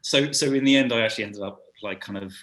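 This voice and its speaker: A British man, a podcast guest, telling stories in a casual and animated way. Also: lowish voice, fast talker. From United Kingdom. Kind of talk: casual storytelling chat.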